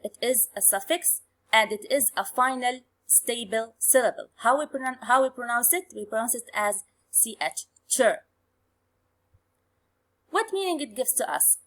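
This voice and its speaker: A woman teaching English phonics in a bilingual lesson. She explains slowly and repeats key terms. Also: on the high side, lively intonation, a bit bright. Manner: slow, repetitive explanation, switching to quick colloquial Arabic recaps.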